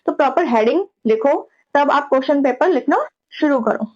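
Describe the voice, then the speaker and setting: A woman's voice: sits high, animated, normal speed, darkish tone. A woman teaching students how to write exam papers, talking casually and frankly, scolding a little and often adding "theek hai". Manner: frank, scolding, repeats "ठीक है". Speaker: teacher giving exam tips. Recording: dull lo-fi recording.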